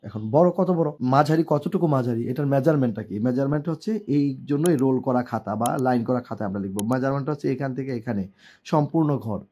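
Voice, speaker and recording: A man's voice: mid-range voice, warm tone, husky. A man with a Bangladeshi Bengali accent teaching a lesson, asking questions and answering them himself, repeating key points. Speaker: shorthand teacher. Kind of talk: classroom lesson.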